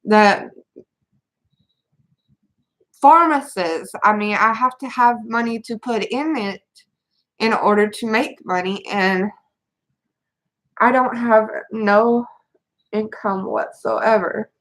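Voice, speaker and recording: A mother of three venting to her camera, halting and rambling with many restarts as she holds back tears. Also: a little high, fairly bright tone, low-quality recording. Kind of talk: tearful personal venting to camera.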